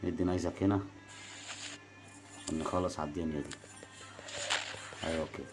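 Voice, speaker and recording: An Egyptian man with a very low voice, chatting his way through a match. He coaxes, teases and cheers in quick bursts, with loud game music running behind him. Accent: Egyptian Arabic. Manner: chatty, coaxing, teasing the opponent, bursts of excitement. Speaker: gaming video host. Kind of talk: casual gameplay commentary.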